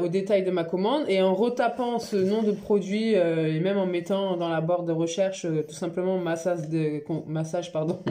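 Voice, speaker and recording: Chatty, frank woman with a mellow voice. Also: fairly low pitch. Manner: chatty, frank, laughs easily, many fillers. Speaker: beauty vlogger. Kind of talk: casual chatty haul vlog. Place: home living room by a Christmas tree.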